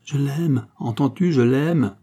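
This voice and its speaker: A man's voice: mid-range voice, slow pace, dark tone, voice pushed up. A man voicing a young nobleman who cries out his love in anguish in a storybook reading. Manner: anguished, impassioned. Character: young male count, impulsive and lovesick.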